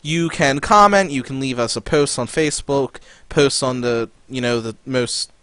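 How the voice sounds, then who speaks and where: A man's voice: medium pitch, normal speed, a bit bright, clean tone, dry recording. A man co-hosting a casual podcast chat, rambling and hunting for words as he explains things. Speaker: podcast co-host.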